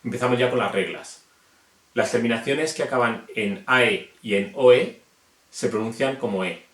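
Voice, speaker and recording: A man's voice: mid-range voice, moderate pace, a bit bright. A man from Spain with a Spanish accent, chatting casually and self-deprecatingly as he explains something to viewers in a video. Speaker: reptile hobbyist explaining names. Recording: echoey room.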